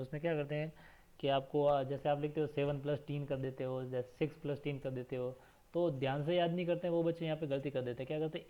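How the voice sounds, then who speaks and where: A man teaching a slow, repetitive counting lesson for children, spelling words letter by letter and asking questions that he answers himself. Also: on the high side. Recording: dull lo-fi recording.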